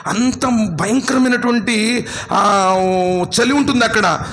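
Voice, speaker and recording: A man's voice: very high voice, slow pace, fairly bright tone. A man preaching a sermon, impassioned and full of rhetorical questions, calling his listeners brothers and sir. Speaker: Islamic preacher.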